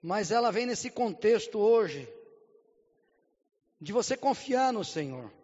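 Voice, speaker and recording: Brazilian male pastor, high voice, testimony sermon in a long-echo hall, dull lo-fi recording. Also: very animated, slow. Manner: vivid storytelling that builds to fervent, near-shouted preaching; keeps repeating a stock phrase to the congregation.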